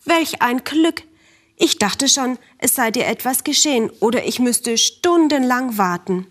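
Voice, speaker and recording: A woman voicing an anxious, injured male woodpecker who speaks in a higher, sighing, pleading way. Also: expressive, a little slow. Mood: relieved.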